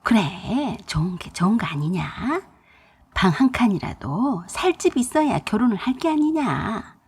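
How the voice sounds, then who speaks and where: A woman voicing a scheming, demanding older mother-in-law in a told story, speaking in a hushed, coaxing and scolding way. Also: mid-range voice, sing-song, unhurried, slightly rough, exaggerated voice.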